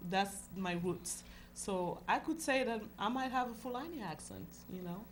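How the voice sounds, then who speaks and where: A woman's voice: mid-range voice, animated, normal speed, a little hiss or hum. A middle-aged woman raised in France with Senegalese roots and Fula as her first language, a guest talking casually and thoughtfully on a talk show. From France, Senegalese heritage. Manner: thoughtful, speeds up when enthused.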